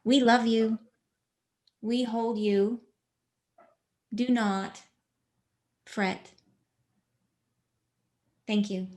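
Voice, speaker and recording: A woman channeling a spiritual message in a slow, measured, solemn way, speaking as a collective. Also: a little high, fairly even intonation, darkish tone.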